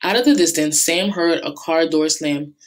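A woman teacher reads a novel aloud to her students at a moderate pace, in a plain classroom style. Her voice is fairly low and steady, with a few small slips and restarts.

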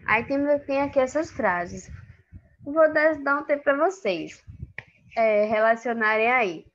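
Brazilian teacher giving a chatty lesson. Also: female voice, fairly high pitch, expressive, a little slow, a bit bright, lo-fi sound, slight background noise. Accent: Brazilian Portuguese. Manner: informal, explains step by step with many fillers. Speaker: Spanish teacher. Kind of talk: online class lesson.

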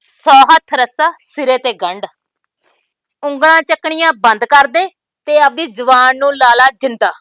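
A defiant young bride. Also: female voice, high-pitched, normal speed, bright, forceful tone, no room sound. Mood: threatening. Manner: bold, scolding, proverb-laden retorts. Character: sharp-tongued young newly married woman, defiant. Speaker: actress. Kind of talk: village family drama acting.

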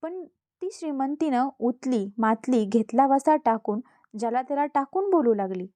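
A woman's voice: high-pitched, expressive, normal speed, dark tone, no echo. A woman voicing a wise, patient old woman in a folk tale, speaking earnestly and giving careful instructions.

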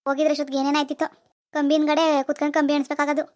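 A woman's voice: high voice, monotone, very fast, dry recording, close to an everyday voice. A woman voicing a bossy, nagging middle-aged village husband in a cartoon, scolding. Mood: exasperated. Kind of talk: cartoon dialogue.

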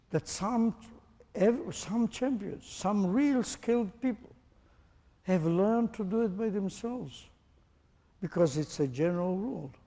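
A man's voice: high voice, mellow, big-room sound. A man teaching a group, asking pointed questions and demonstrating with his own body. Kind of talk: interactive lecture to a group.

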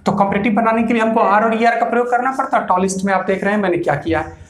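A man's voice: high voice, very fast. Guy teaching grammar, asks himself questions then answers, repeats stuff, room echoes a lot. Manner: explains step by step, repeats points, asks and answers his own questions. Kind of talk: classroom lecture in Hindi.

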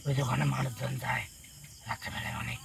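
A man speaking as a frightened male spirit haunting a brick kiln, pleading in a gravelly voice that drops into hushed whispers, in a noisy recording. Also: medium pitch, fairly even intonation, quick pace. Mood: sullen. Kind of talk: possession session.

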